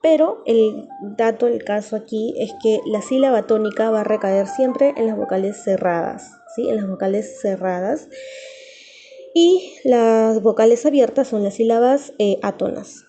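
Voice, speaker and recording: Woman teacher, very warm and dark tone, patient, repeats key terms for pupils. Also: fairly high pitch, a little slow, muffled recording, slight background noise. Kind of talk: recorded grammar lesson.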